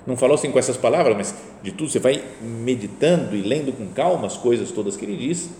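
A man's voice: mid-range voice, animated, fast talker, mellow, a little hiss or hum. A male priest with a Brazilian Portuguese accent gives a conversational sermon, often using rhetorical tag questions. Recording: echoey hall with faint ambience.

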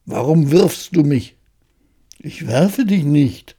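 A reader voicing two huge, quarrelsome, sleepy giants in a fairy tale, grumbling slowly. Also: mid-range voice, animated, mellow, slightly rough. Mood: grumpy. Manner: slow grumbling.

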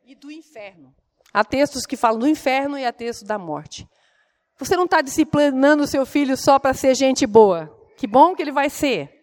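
A woman's voice: high-pitched, lively intonation, normal speed, a little mellow. A middle-aged woman gives a sermon, telling family stories with earnest emotion. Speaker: preacher and mother.

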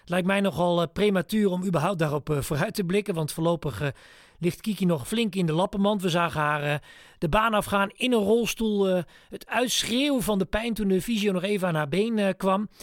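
Brief: high-pitched male presenter interviewing an analyst, hesitant with fillers. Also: no echo, studio quality. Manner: questioning, halting with many "eh" fillers. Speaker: sports presenter. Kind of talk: interviewing an expert.

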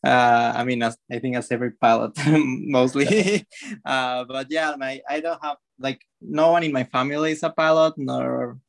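A man's voice: mid-range voice, normal speed, gravelly. A man in a casual interview, talking with a hesitant manner and many "I mean"s. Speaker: podcast co-host, guest.

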